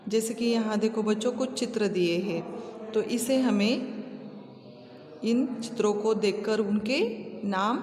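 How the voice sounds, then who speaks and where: A woman teacher giving a recorded lesson to young pupils, talking slowly and patiently, repeating each word and adding the English word for each picture. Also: mid-range voice, darkish tone. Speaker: primary school teacher. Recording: echoey room with long reverb.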